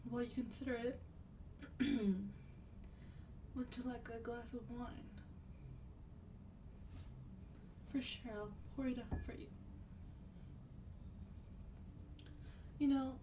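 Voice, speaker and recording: Breathy and frequently near a whisper, a woman lightly acts the part of a sweet, rich vampire in a gentle ASMR roleplay. Her slightly high voice is courteous and softly coaxing, touched with haughtiness. She's recorded from a distance, with background noise audible.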